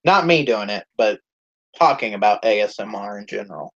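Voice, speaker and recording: A man hosts a live stream on his own YouTube channel, rambling casually with plenty of swearing and fillers. His lowish, creaky voice is brisk with lively intonation, and the stream audio is dull and lo-fi.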